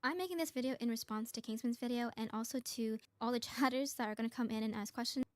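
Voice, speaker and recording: A woman reading a prepared video statement, her voice pitched up into a chipmunk-like sound, explaining in a quick, matter-of-fact way. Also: no room sound. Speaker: streamer giving a video statement.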